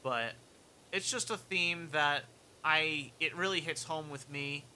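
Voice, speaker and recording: A man's voice: a little high, takes it slowly, pushed and bright, a little hiss or hum. A young man streaming a game and chatting casually, rambling frankly through his opinions.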